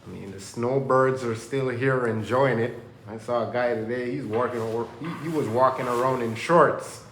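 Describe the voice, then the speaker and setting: In an echoey, renovating indoor workplace with faint ambience and slight background noise, a Jamaican man vlogs to camera. His medium-pitched, fairly bright voice moves at a moderate pace through loose, rambling, preachy self-motivation talk.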